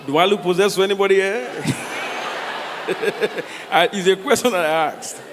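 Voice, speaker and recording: A Nigerian man performing comedic stories to a live audience, animated, slipping into Pidgin and acting out dialogue. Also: high voice, normal speed, a crowd in the background. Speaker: stand-up comedian. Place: large hall with a stage. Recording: echoey hall, noisy live sound.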